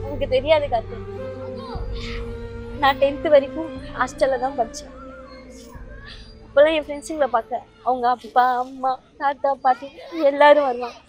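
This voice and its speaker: A young woman plays an emotional college girl in a romance series. Her voice sits high, and she talks with tearful earnestness. Music plays underneath. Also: steady tone, moderate pace, long pauses, darkish tone, natural voice, poor audio. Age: young adult. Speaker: college student. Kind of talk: web series acting.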